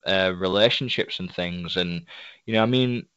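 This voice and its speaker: A man's voice: deep voice, normal speed, fairly bright tone, smooth, no echo, lo-fi sound. A man hosting a casual interview, speaking in a polite, wordy, effusive way. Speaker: podcast host, interviewer. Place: indoors at a desk.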